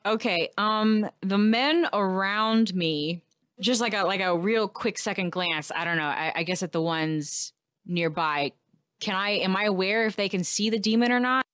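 A woman's voice: medium pitch, moderate pace, a bit bright, dry recording, clean studio sound. A woman chatting casually as a player in a tabletop game, thinking aloud and asking questions in a tentative way.

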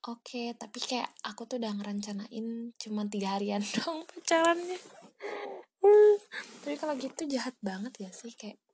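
A seventeen-year-old girl hosting a casual solo podcast from home, rambling softly in a half-whisper with lots of fillers. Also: fairly high pitch, moderate pace, slight background noise. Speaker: podcast host.

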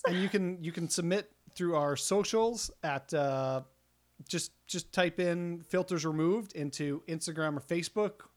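A man's voice: on the high side, a little slow. Rambling middle-aged man podcast co-host. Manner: rambling, self-deprecating, many restarts and ums. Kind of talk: casual podcast chat.

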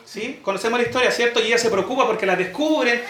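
A pastor preaching a sermon, telling a story and asking the congregation rhetorical questions. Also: male voice, very high-pitched, fast, sharp tone, reverberant.

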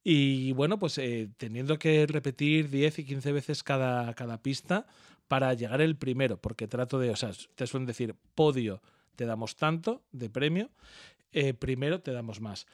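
A man in his thirties with a Spanish accent from Spain, chatting casually as a podcast co-host, telling animated stories and swearing freely. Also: mid-range voice, normal speed, dry recording, studio quality. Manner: animated storyteller, swears freely, imitates others. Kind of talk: casual chat among friends.

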